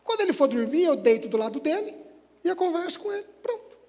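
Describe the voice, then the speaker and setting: A man's voice: very high-pitched, very animated, quick pace, a little mellow. A man giving a Spiritist lecture, telling a personal story in an emotional, conversational way and speaking directly to his audience. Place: hall of a Spiritist center. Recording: long hall reverb.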